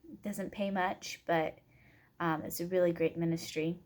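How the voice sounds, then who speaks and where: A woman's voice: fairly low pitch, fairly even intonation, moderate pace, a little mellow. A woman in her twenties from Oregon, introducing herself as a student in a casual, rambling way with many fillers. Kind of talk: casual self-introduction video.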